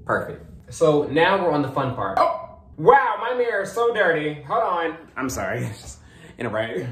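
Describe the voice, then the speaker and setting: A man's voice: fairly high pitch, unhurried. A young man in his twenties chatting casually and expressively, walking viewers through a demonstration like a vlogger. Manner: playful, expressive, exclaiming. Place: small home bathroom, indoors. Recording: roomy bathroom echo, faint noise.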